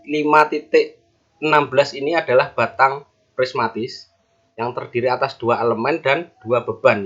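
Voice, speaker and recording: A male university lecturer explaining engineering formulas step by step, with measured pauses as he reads each formula aloud. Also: medium pitch, fairly bright tone, husky, highs cut off. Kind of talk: recorded online lecture.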